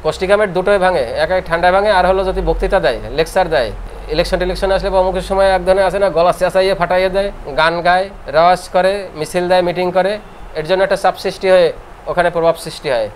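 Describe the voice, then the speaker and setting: A middle-aged man from Bangladesh giving a classroom lecture, explaining points over and over and reciting verses slowly in a sing-song way. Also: high-pitched, steady tone, a little hiss or hum. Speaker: homeopathy lecturer.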